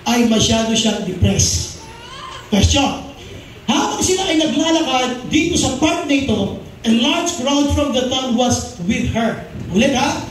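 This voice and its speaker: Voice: high voice, a little hiss or hum. A pastor preaching a sermon in a mix of Tagalog and English, who often asks the congregation questions and repeats key phrases. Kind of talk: Taglish sermon. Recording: very echoey hall, mic far off.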